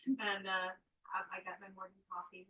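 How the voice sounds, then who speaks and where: A woman in the audience speaking in short, halting pieces. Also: medium pitch, level tone, bright, forceful tone, husky, no echo, highs cut off.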